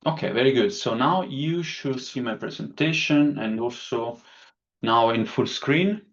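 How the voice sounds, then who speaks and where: A man's voice: mid-range voice, unhurried, fairly bright tone. A man from Italy with an Italian accent, giving a technical online lecture in a careful, explanatory way with frequent fillers. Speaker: webinar speaker. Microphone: video call. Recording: dull lo-fi call audio.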